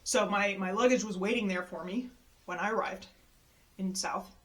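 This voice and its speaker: A woman casually telling a personal story, lively and exasperated, mimicking the people she quotes with big leaps in her voice. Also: moderate pace. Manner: animated, acts out quoted people with jumps in pitch; exasperated retelling of a travel mishap.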